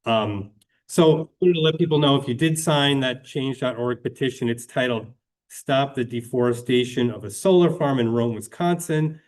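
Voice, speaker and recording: A medium-pitched man presides as hearing officer at a public hearing. He speaks in a measured, procedural way, hesitating often.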